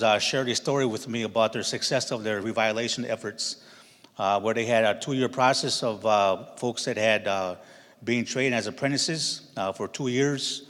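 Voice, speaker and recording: A man from Wisconsin giving a halting convention speech as a candidate, pausing often on filler sounds. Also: on the low side, a bit bright. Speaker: board candidate speaker. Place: large convention hall. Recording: long hall reverb.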